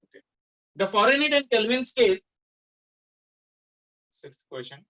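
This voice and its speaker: Bright-voiced South Indian man teaching a class. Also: extremely high pitch, sing-song, unhurried, rough recording. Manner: repetitive, often checks in with questions. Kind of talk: interactive physics lesson.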